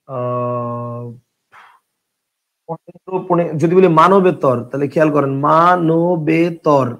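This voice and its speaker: A man teaching a grammar lesson, explaining step by step with rhetorical questions, drawing out example words slowly and dropping in English words. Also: fairly high pitch.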